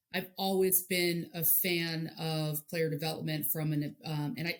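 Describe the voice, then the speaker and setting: A woman in her forties from Hawaii talks as a softball coach on an interview podcast. Her voice is very low, and she speaks earnestly, often stumbling and repeating words as she gathers her thoughts. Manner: earnest, repeats words while searching for them. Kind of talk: interview guest.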